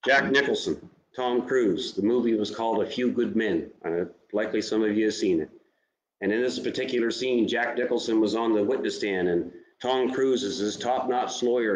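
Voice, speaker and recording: A man's voice: mid-range voice, echoey room, slight background noise, low-quality recording. A man preaching a sermon as pastor, speaking earnestly and directly to his listeners. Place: church sanctuary.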